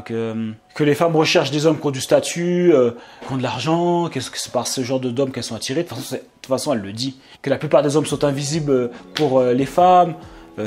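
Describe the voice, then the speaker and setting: Lively man, casual monologue. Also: on the high side. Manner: animated, acts out quoted voices, laughs often. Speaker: YouTube channel host.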